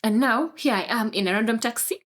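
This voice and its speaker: A young woman with a Ugandan English accent telling a comic story in a dramatic, animated way, full of exclamations. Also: on the high side, brisk. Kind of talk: comedic storytelling monologue. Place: film studio.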